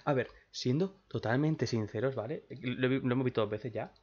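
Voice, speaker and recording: A young man, reacting to a trailer late at night, excitable and swearing while trying to keep quiet. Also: medium pitch, moderate pace, muffled recording. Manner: excitable, swearing, holding back shouts. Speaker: reaction channel host.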